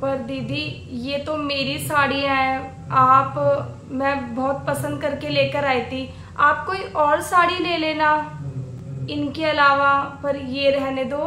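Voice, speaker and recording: A woman playing a meek, polite young bride in a family skit drama, speaking softly and respectfully. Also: high-pitched, steady tone, slow, echoey room, slight background noise, full character voice. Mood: pleading. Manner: soft, yielding, speaks respectfully. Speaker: daughter-in-law.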